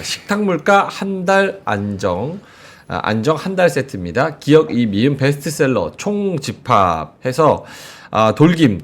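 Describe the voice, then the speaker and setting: A male anchor of a live market show, reading a brisk product pitch between chat with his guests.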